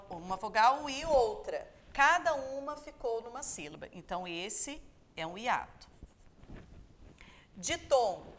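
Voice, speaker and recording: Woman, from Brazil, teacher, slightly high-pitched, calm, patient, checks in often, sounds out syllables slowly. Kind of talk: recorded review lesson for pupils at home.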